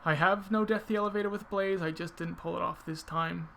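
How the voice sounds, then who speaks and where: A man commentates casually over gameplay in a somewhat high, narrow-ranged voice with a creaky edge. He explains technique informally, thinking aloud as he goes, with some noise behind him. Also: steady tone, a little fast, fairly bright tone. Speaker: video game player commentator.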